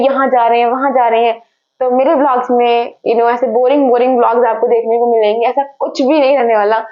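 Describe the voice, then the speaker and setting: A young woman vlogging from her room, talking casually to her viewers and slipping English phrases into her talk, often correcting herself. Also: sits high. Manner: chatty, mixes English phrases into Hindi, self-correcting. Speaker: study vlogger preparing for a civil service exam. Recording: slightly dull lo-fi sound.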